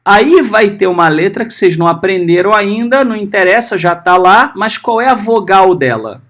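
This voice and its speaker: A man teaching a Hebrew class. He is patient, checks often that his students are following, and sounds out letters and syllables slowly. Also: high-pitched, lively intonation, fairly bright tone. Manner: patient, often checking understanding with short tags. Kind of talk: recorded class lesson.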